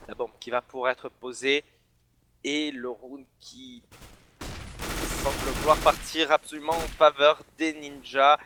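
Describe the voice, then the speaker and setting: A man from the south of France, casting an esports match solo and bursting into shouts on big plays. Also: medium pitch, flat delivery, a little slow, background noise. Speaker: esports caster. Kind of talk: solo play-by-play commentary.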